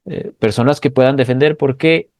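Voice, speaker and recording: A man at a mid pitch speaks as the guest of an online interview, earnest and explanatory. He sometimes stumbles over repeated words while he thinks. The call audio is dry and close. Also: normal speed, a little mellow, dry recording. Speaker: guest economist. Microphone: video call.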